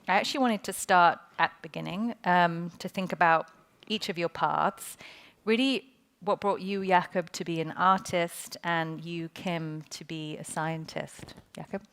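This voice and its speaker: A woman curator moderating a panel conversation, introducing guests and prompting them in a measured way. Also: on the low side, a bit bright.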